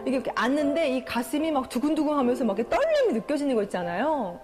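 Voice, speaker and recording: Woman, TV show guest, very high voice, emotional exclamatory retelling, music underneath. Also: big pitch swings, very fast. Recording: TV clip with background music.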